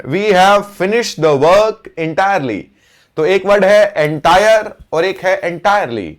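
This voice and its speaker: A man teaching English vocabulary, repeating each word slowly as he writes it out. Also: sits high. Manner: slow, repeats words while writing on board. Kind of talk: vocabulary lesson.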